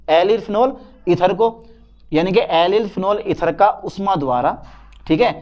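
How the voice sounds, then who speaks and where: A chemistry teacher with a high voice gives a casual lecture, talking straight to his students. He dictates slowly, going over the same phrase again and again so they can write it down. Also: a little mellow. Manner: chatty, repetitive, addresses students as beta and bhai.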